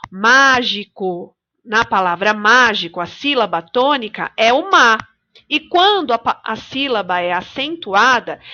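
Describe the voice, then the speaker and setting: A woman teacher with a Brazilian Portuguese accent gives a patient remote lesson to young children and draws out each example word slowly. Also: on the high side, pushed and bright, lo-fi sound. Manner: slow, drawn-out pronunciation of example words; patient, addresses children directly. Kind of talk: remote primary school lesson.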